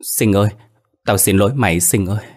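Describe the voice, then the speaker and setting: A man's voice: on the low side, sing-song, fairly quick, fairly bright tone. A man voicing a greedy, cowardly village boy, with a whiny, yelping manner. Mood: sobbing. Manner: whiny, yelping when scared.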